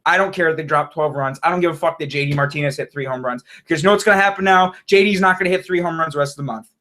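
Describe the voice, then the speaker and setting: High-voiced man on a swearing fan rant. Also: fairly bright tone. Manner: frustrated, heavy swearing, repeats himself. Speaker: sports fan vlogger. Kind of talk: profane fan rant to camera.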